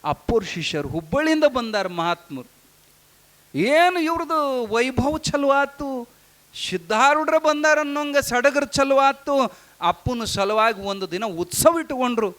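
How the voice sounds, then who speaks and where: High-voiced man preaching in North Karnataka Kannada. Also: animated, unhurried, a bit bright. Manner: acts out the dialogue in the story by moving his pitch up and down. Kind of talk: storytelling sermon.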